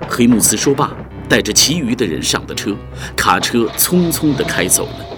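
A man narrating a dramatic audiobook story in a vivid, expressive storytelling voice, over background music. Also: mid-range voice, moderate pace.

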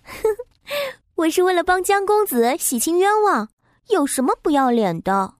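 A woman's voice: high voice, expressive, a little slow, a little mellow, no room sound, clean studio sound. A woman doing a coy young courtesan. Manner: coy, laughing, self-assured. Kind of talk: storytelling with voiced characters. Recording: faint background music.

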